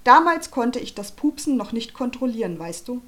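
A bubbly, boastful young girl, put on by a woman reading aloud, pitched a little higher than the narration and pushed louder. She sounds self-assured and a bit show-off, a storybook kid full of confidence. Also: sing-song, normal speed. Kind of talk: audiobook character voice.

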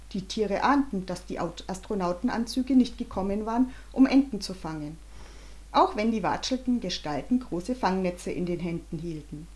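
A woman narrating a children's story aloud, with an animated, dramatic reading. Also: medium pitch. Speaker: audiobook reader.

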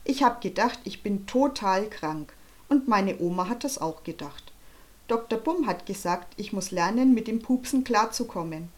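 A woman's voice: medium pitch, expressive, normal speed, natural voice. A woman reading an audiobook, voicing a cheeky, confident young girl who talks boldly and boastfully. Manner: bold, bubbly, boastful. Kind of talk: audiobook character voice.

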